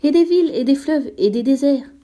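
A woman's voice: sits high, fairly quick, dark tone, pitched above the performer's own voice, natural voice. A woman doing a curious little boy prince. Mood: wondering. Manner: earnest, wondering questions.

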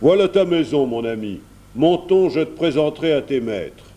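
A man voicing a kindly, fatherly gentleman in a storybook reading, speaking gently and encouragingly. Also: a little high, expressive, normal speed, pitched above the performer's own voice, close to an everyday voice.

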